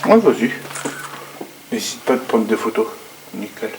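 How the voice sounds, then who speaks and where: A man's voice: on the low side, sing-song, unhurried. A man talking casually while exploring and filming, his voice echoing in a large empty abandoned building. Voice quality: voice echoing in a big empty hall. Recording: reverberant empty building, noisy.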